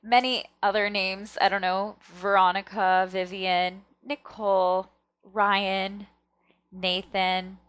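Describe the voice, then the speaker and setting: A woman's voice: mid-range voice, flat delivery, slow pace, fairly bright tone, clean tone, no room sound. A woman hosting a casual pick-a-card reading, chatting to viewers and often checking in, with slightly thick-tongued, stumbling articulation. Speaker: tarot reader and video host.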